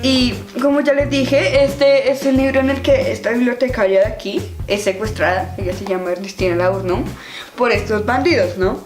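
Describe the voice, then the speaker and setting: A woman's voice: fairly high pitch, moderate pace. Young woman gushing about a kids book, giggly and chatty, echoey room, music playing. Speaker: vlogger reviewing a children's book. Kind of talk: casual book-review vlog.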